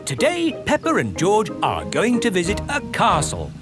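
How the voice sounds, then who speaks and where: A man narrating a children's cartoon in simple, clearly announced statements. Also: high-pitched, huge pitch swings, moderate pace. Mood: cheerful announcing. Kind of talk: scripted narration for small children. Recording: loud music behind the voice.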